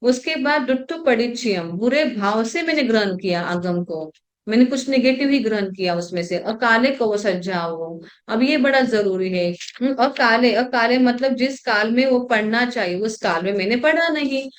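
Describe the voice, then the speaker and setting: A woman's voice: on the high side, lively intonation, moderate pace. A woman teaching an online religious class, explaining each term patiently step by step, with frequent hmm fillers and rhetorical questions. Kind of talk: online scripture lesson.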